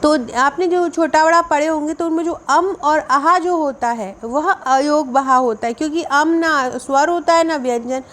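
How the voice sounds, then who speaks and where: A woman's voice: sits high, moderate pace, hardly any pauses, a bit bright. A woman, teaching Hindi grammar for an exam and explaining step by step, repeating key definitions.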